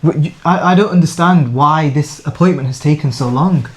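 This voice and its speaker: A man playing a frustrated, indignant dental patient in an interview role-play, confrontational and quick to interrupt. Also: a little high, lightly acted.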